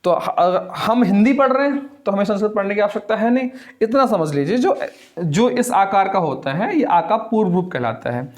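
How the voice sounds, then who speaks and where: A man's voice: high voice, animated. A young man teaching a Hindi grammar lesson, who asks the class questions, answers them himself and stretches out the vowels as he names them. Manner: draws vowels out slowly when naming them. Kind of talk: classroom lecture.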